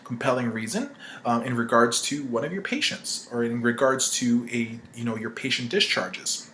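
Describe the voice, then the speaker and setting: Bright and forceful, a man's expressive mid-range voice moves at a moderate pace through a casual marketing-training lesson. He acts out example calls and punctuates his emphatic, conversational points with "right?" A little background noise is audible.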